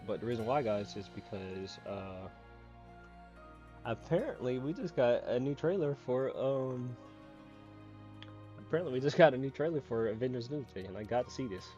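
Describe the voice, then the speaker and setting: A man's voice: medium pitch, warm tone, muffled recording. A man giving casual reaction commentary as a streamer, rambling with lots of fillers, restarts and swearing.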